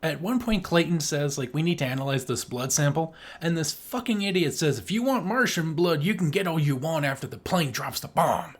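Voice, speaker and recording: Animated and fairly quick with few pauses, this man co-hosts a movie-review podcast in a slightly high voice. He's casual and sarcastic, tearing things apart in loose conversation.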